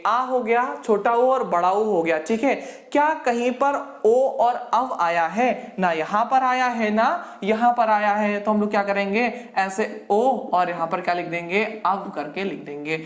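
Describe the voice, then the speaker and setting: A woman teaching Hindi grammar for an exam, repeating each point and quizzing her listeners with quick rhetorical questions. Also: mid-range voice. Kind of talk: exam-prep lecture. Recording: roomy echo.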